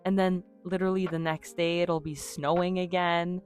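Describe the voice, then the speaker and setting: A young woman whose first language is French narrates her game build for YouTube in a voice on the low side with little pitch movement. She talks at a moderate pace, chatty, upbeat and self-deprecating, with faint music behind her.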